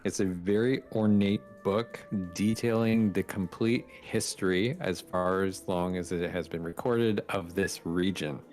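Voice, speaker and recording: Low, slow-paced man narrating a game. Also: soft background music. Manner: relaxed, halting narration with many ums. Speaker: game master. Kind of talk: narrating a tabletop game on stream.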